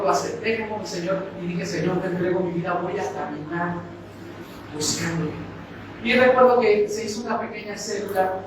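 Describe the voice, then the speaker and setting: A middle-aged Mexican pastor with a high voice preaches to his congregation, calling each listener brother and asking questions he then answers himself. He sounds far from the mic, in a strongly echoing church hall. There is clear noise behind him. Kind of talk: sermon. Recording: echoey church hall heard from a distance with background noise.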